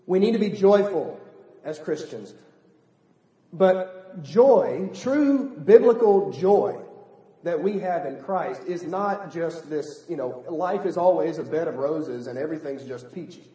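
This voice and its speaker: A middle-aged man preaching a sermon in a lively, humorous way, acting out the people he quotes. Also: on the high side, unhurried. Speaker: pastor. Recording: echoey hall, long reverb.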